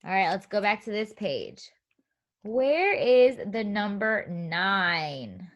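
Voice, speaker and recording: A preschool teacher reads a story aloud to young children, keeping it interactive with simple, encouraging phrases and guiding questions. Her medium-pitched voice is animated and sing-song, and she takes a slow pace.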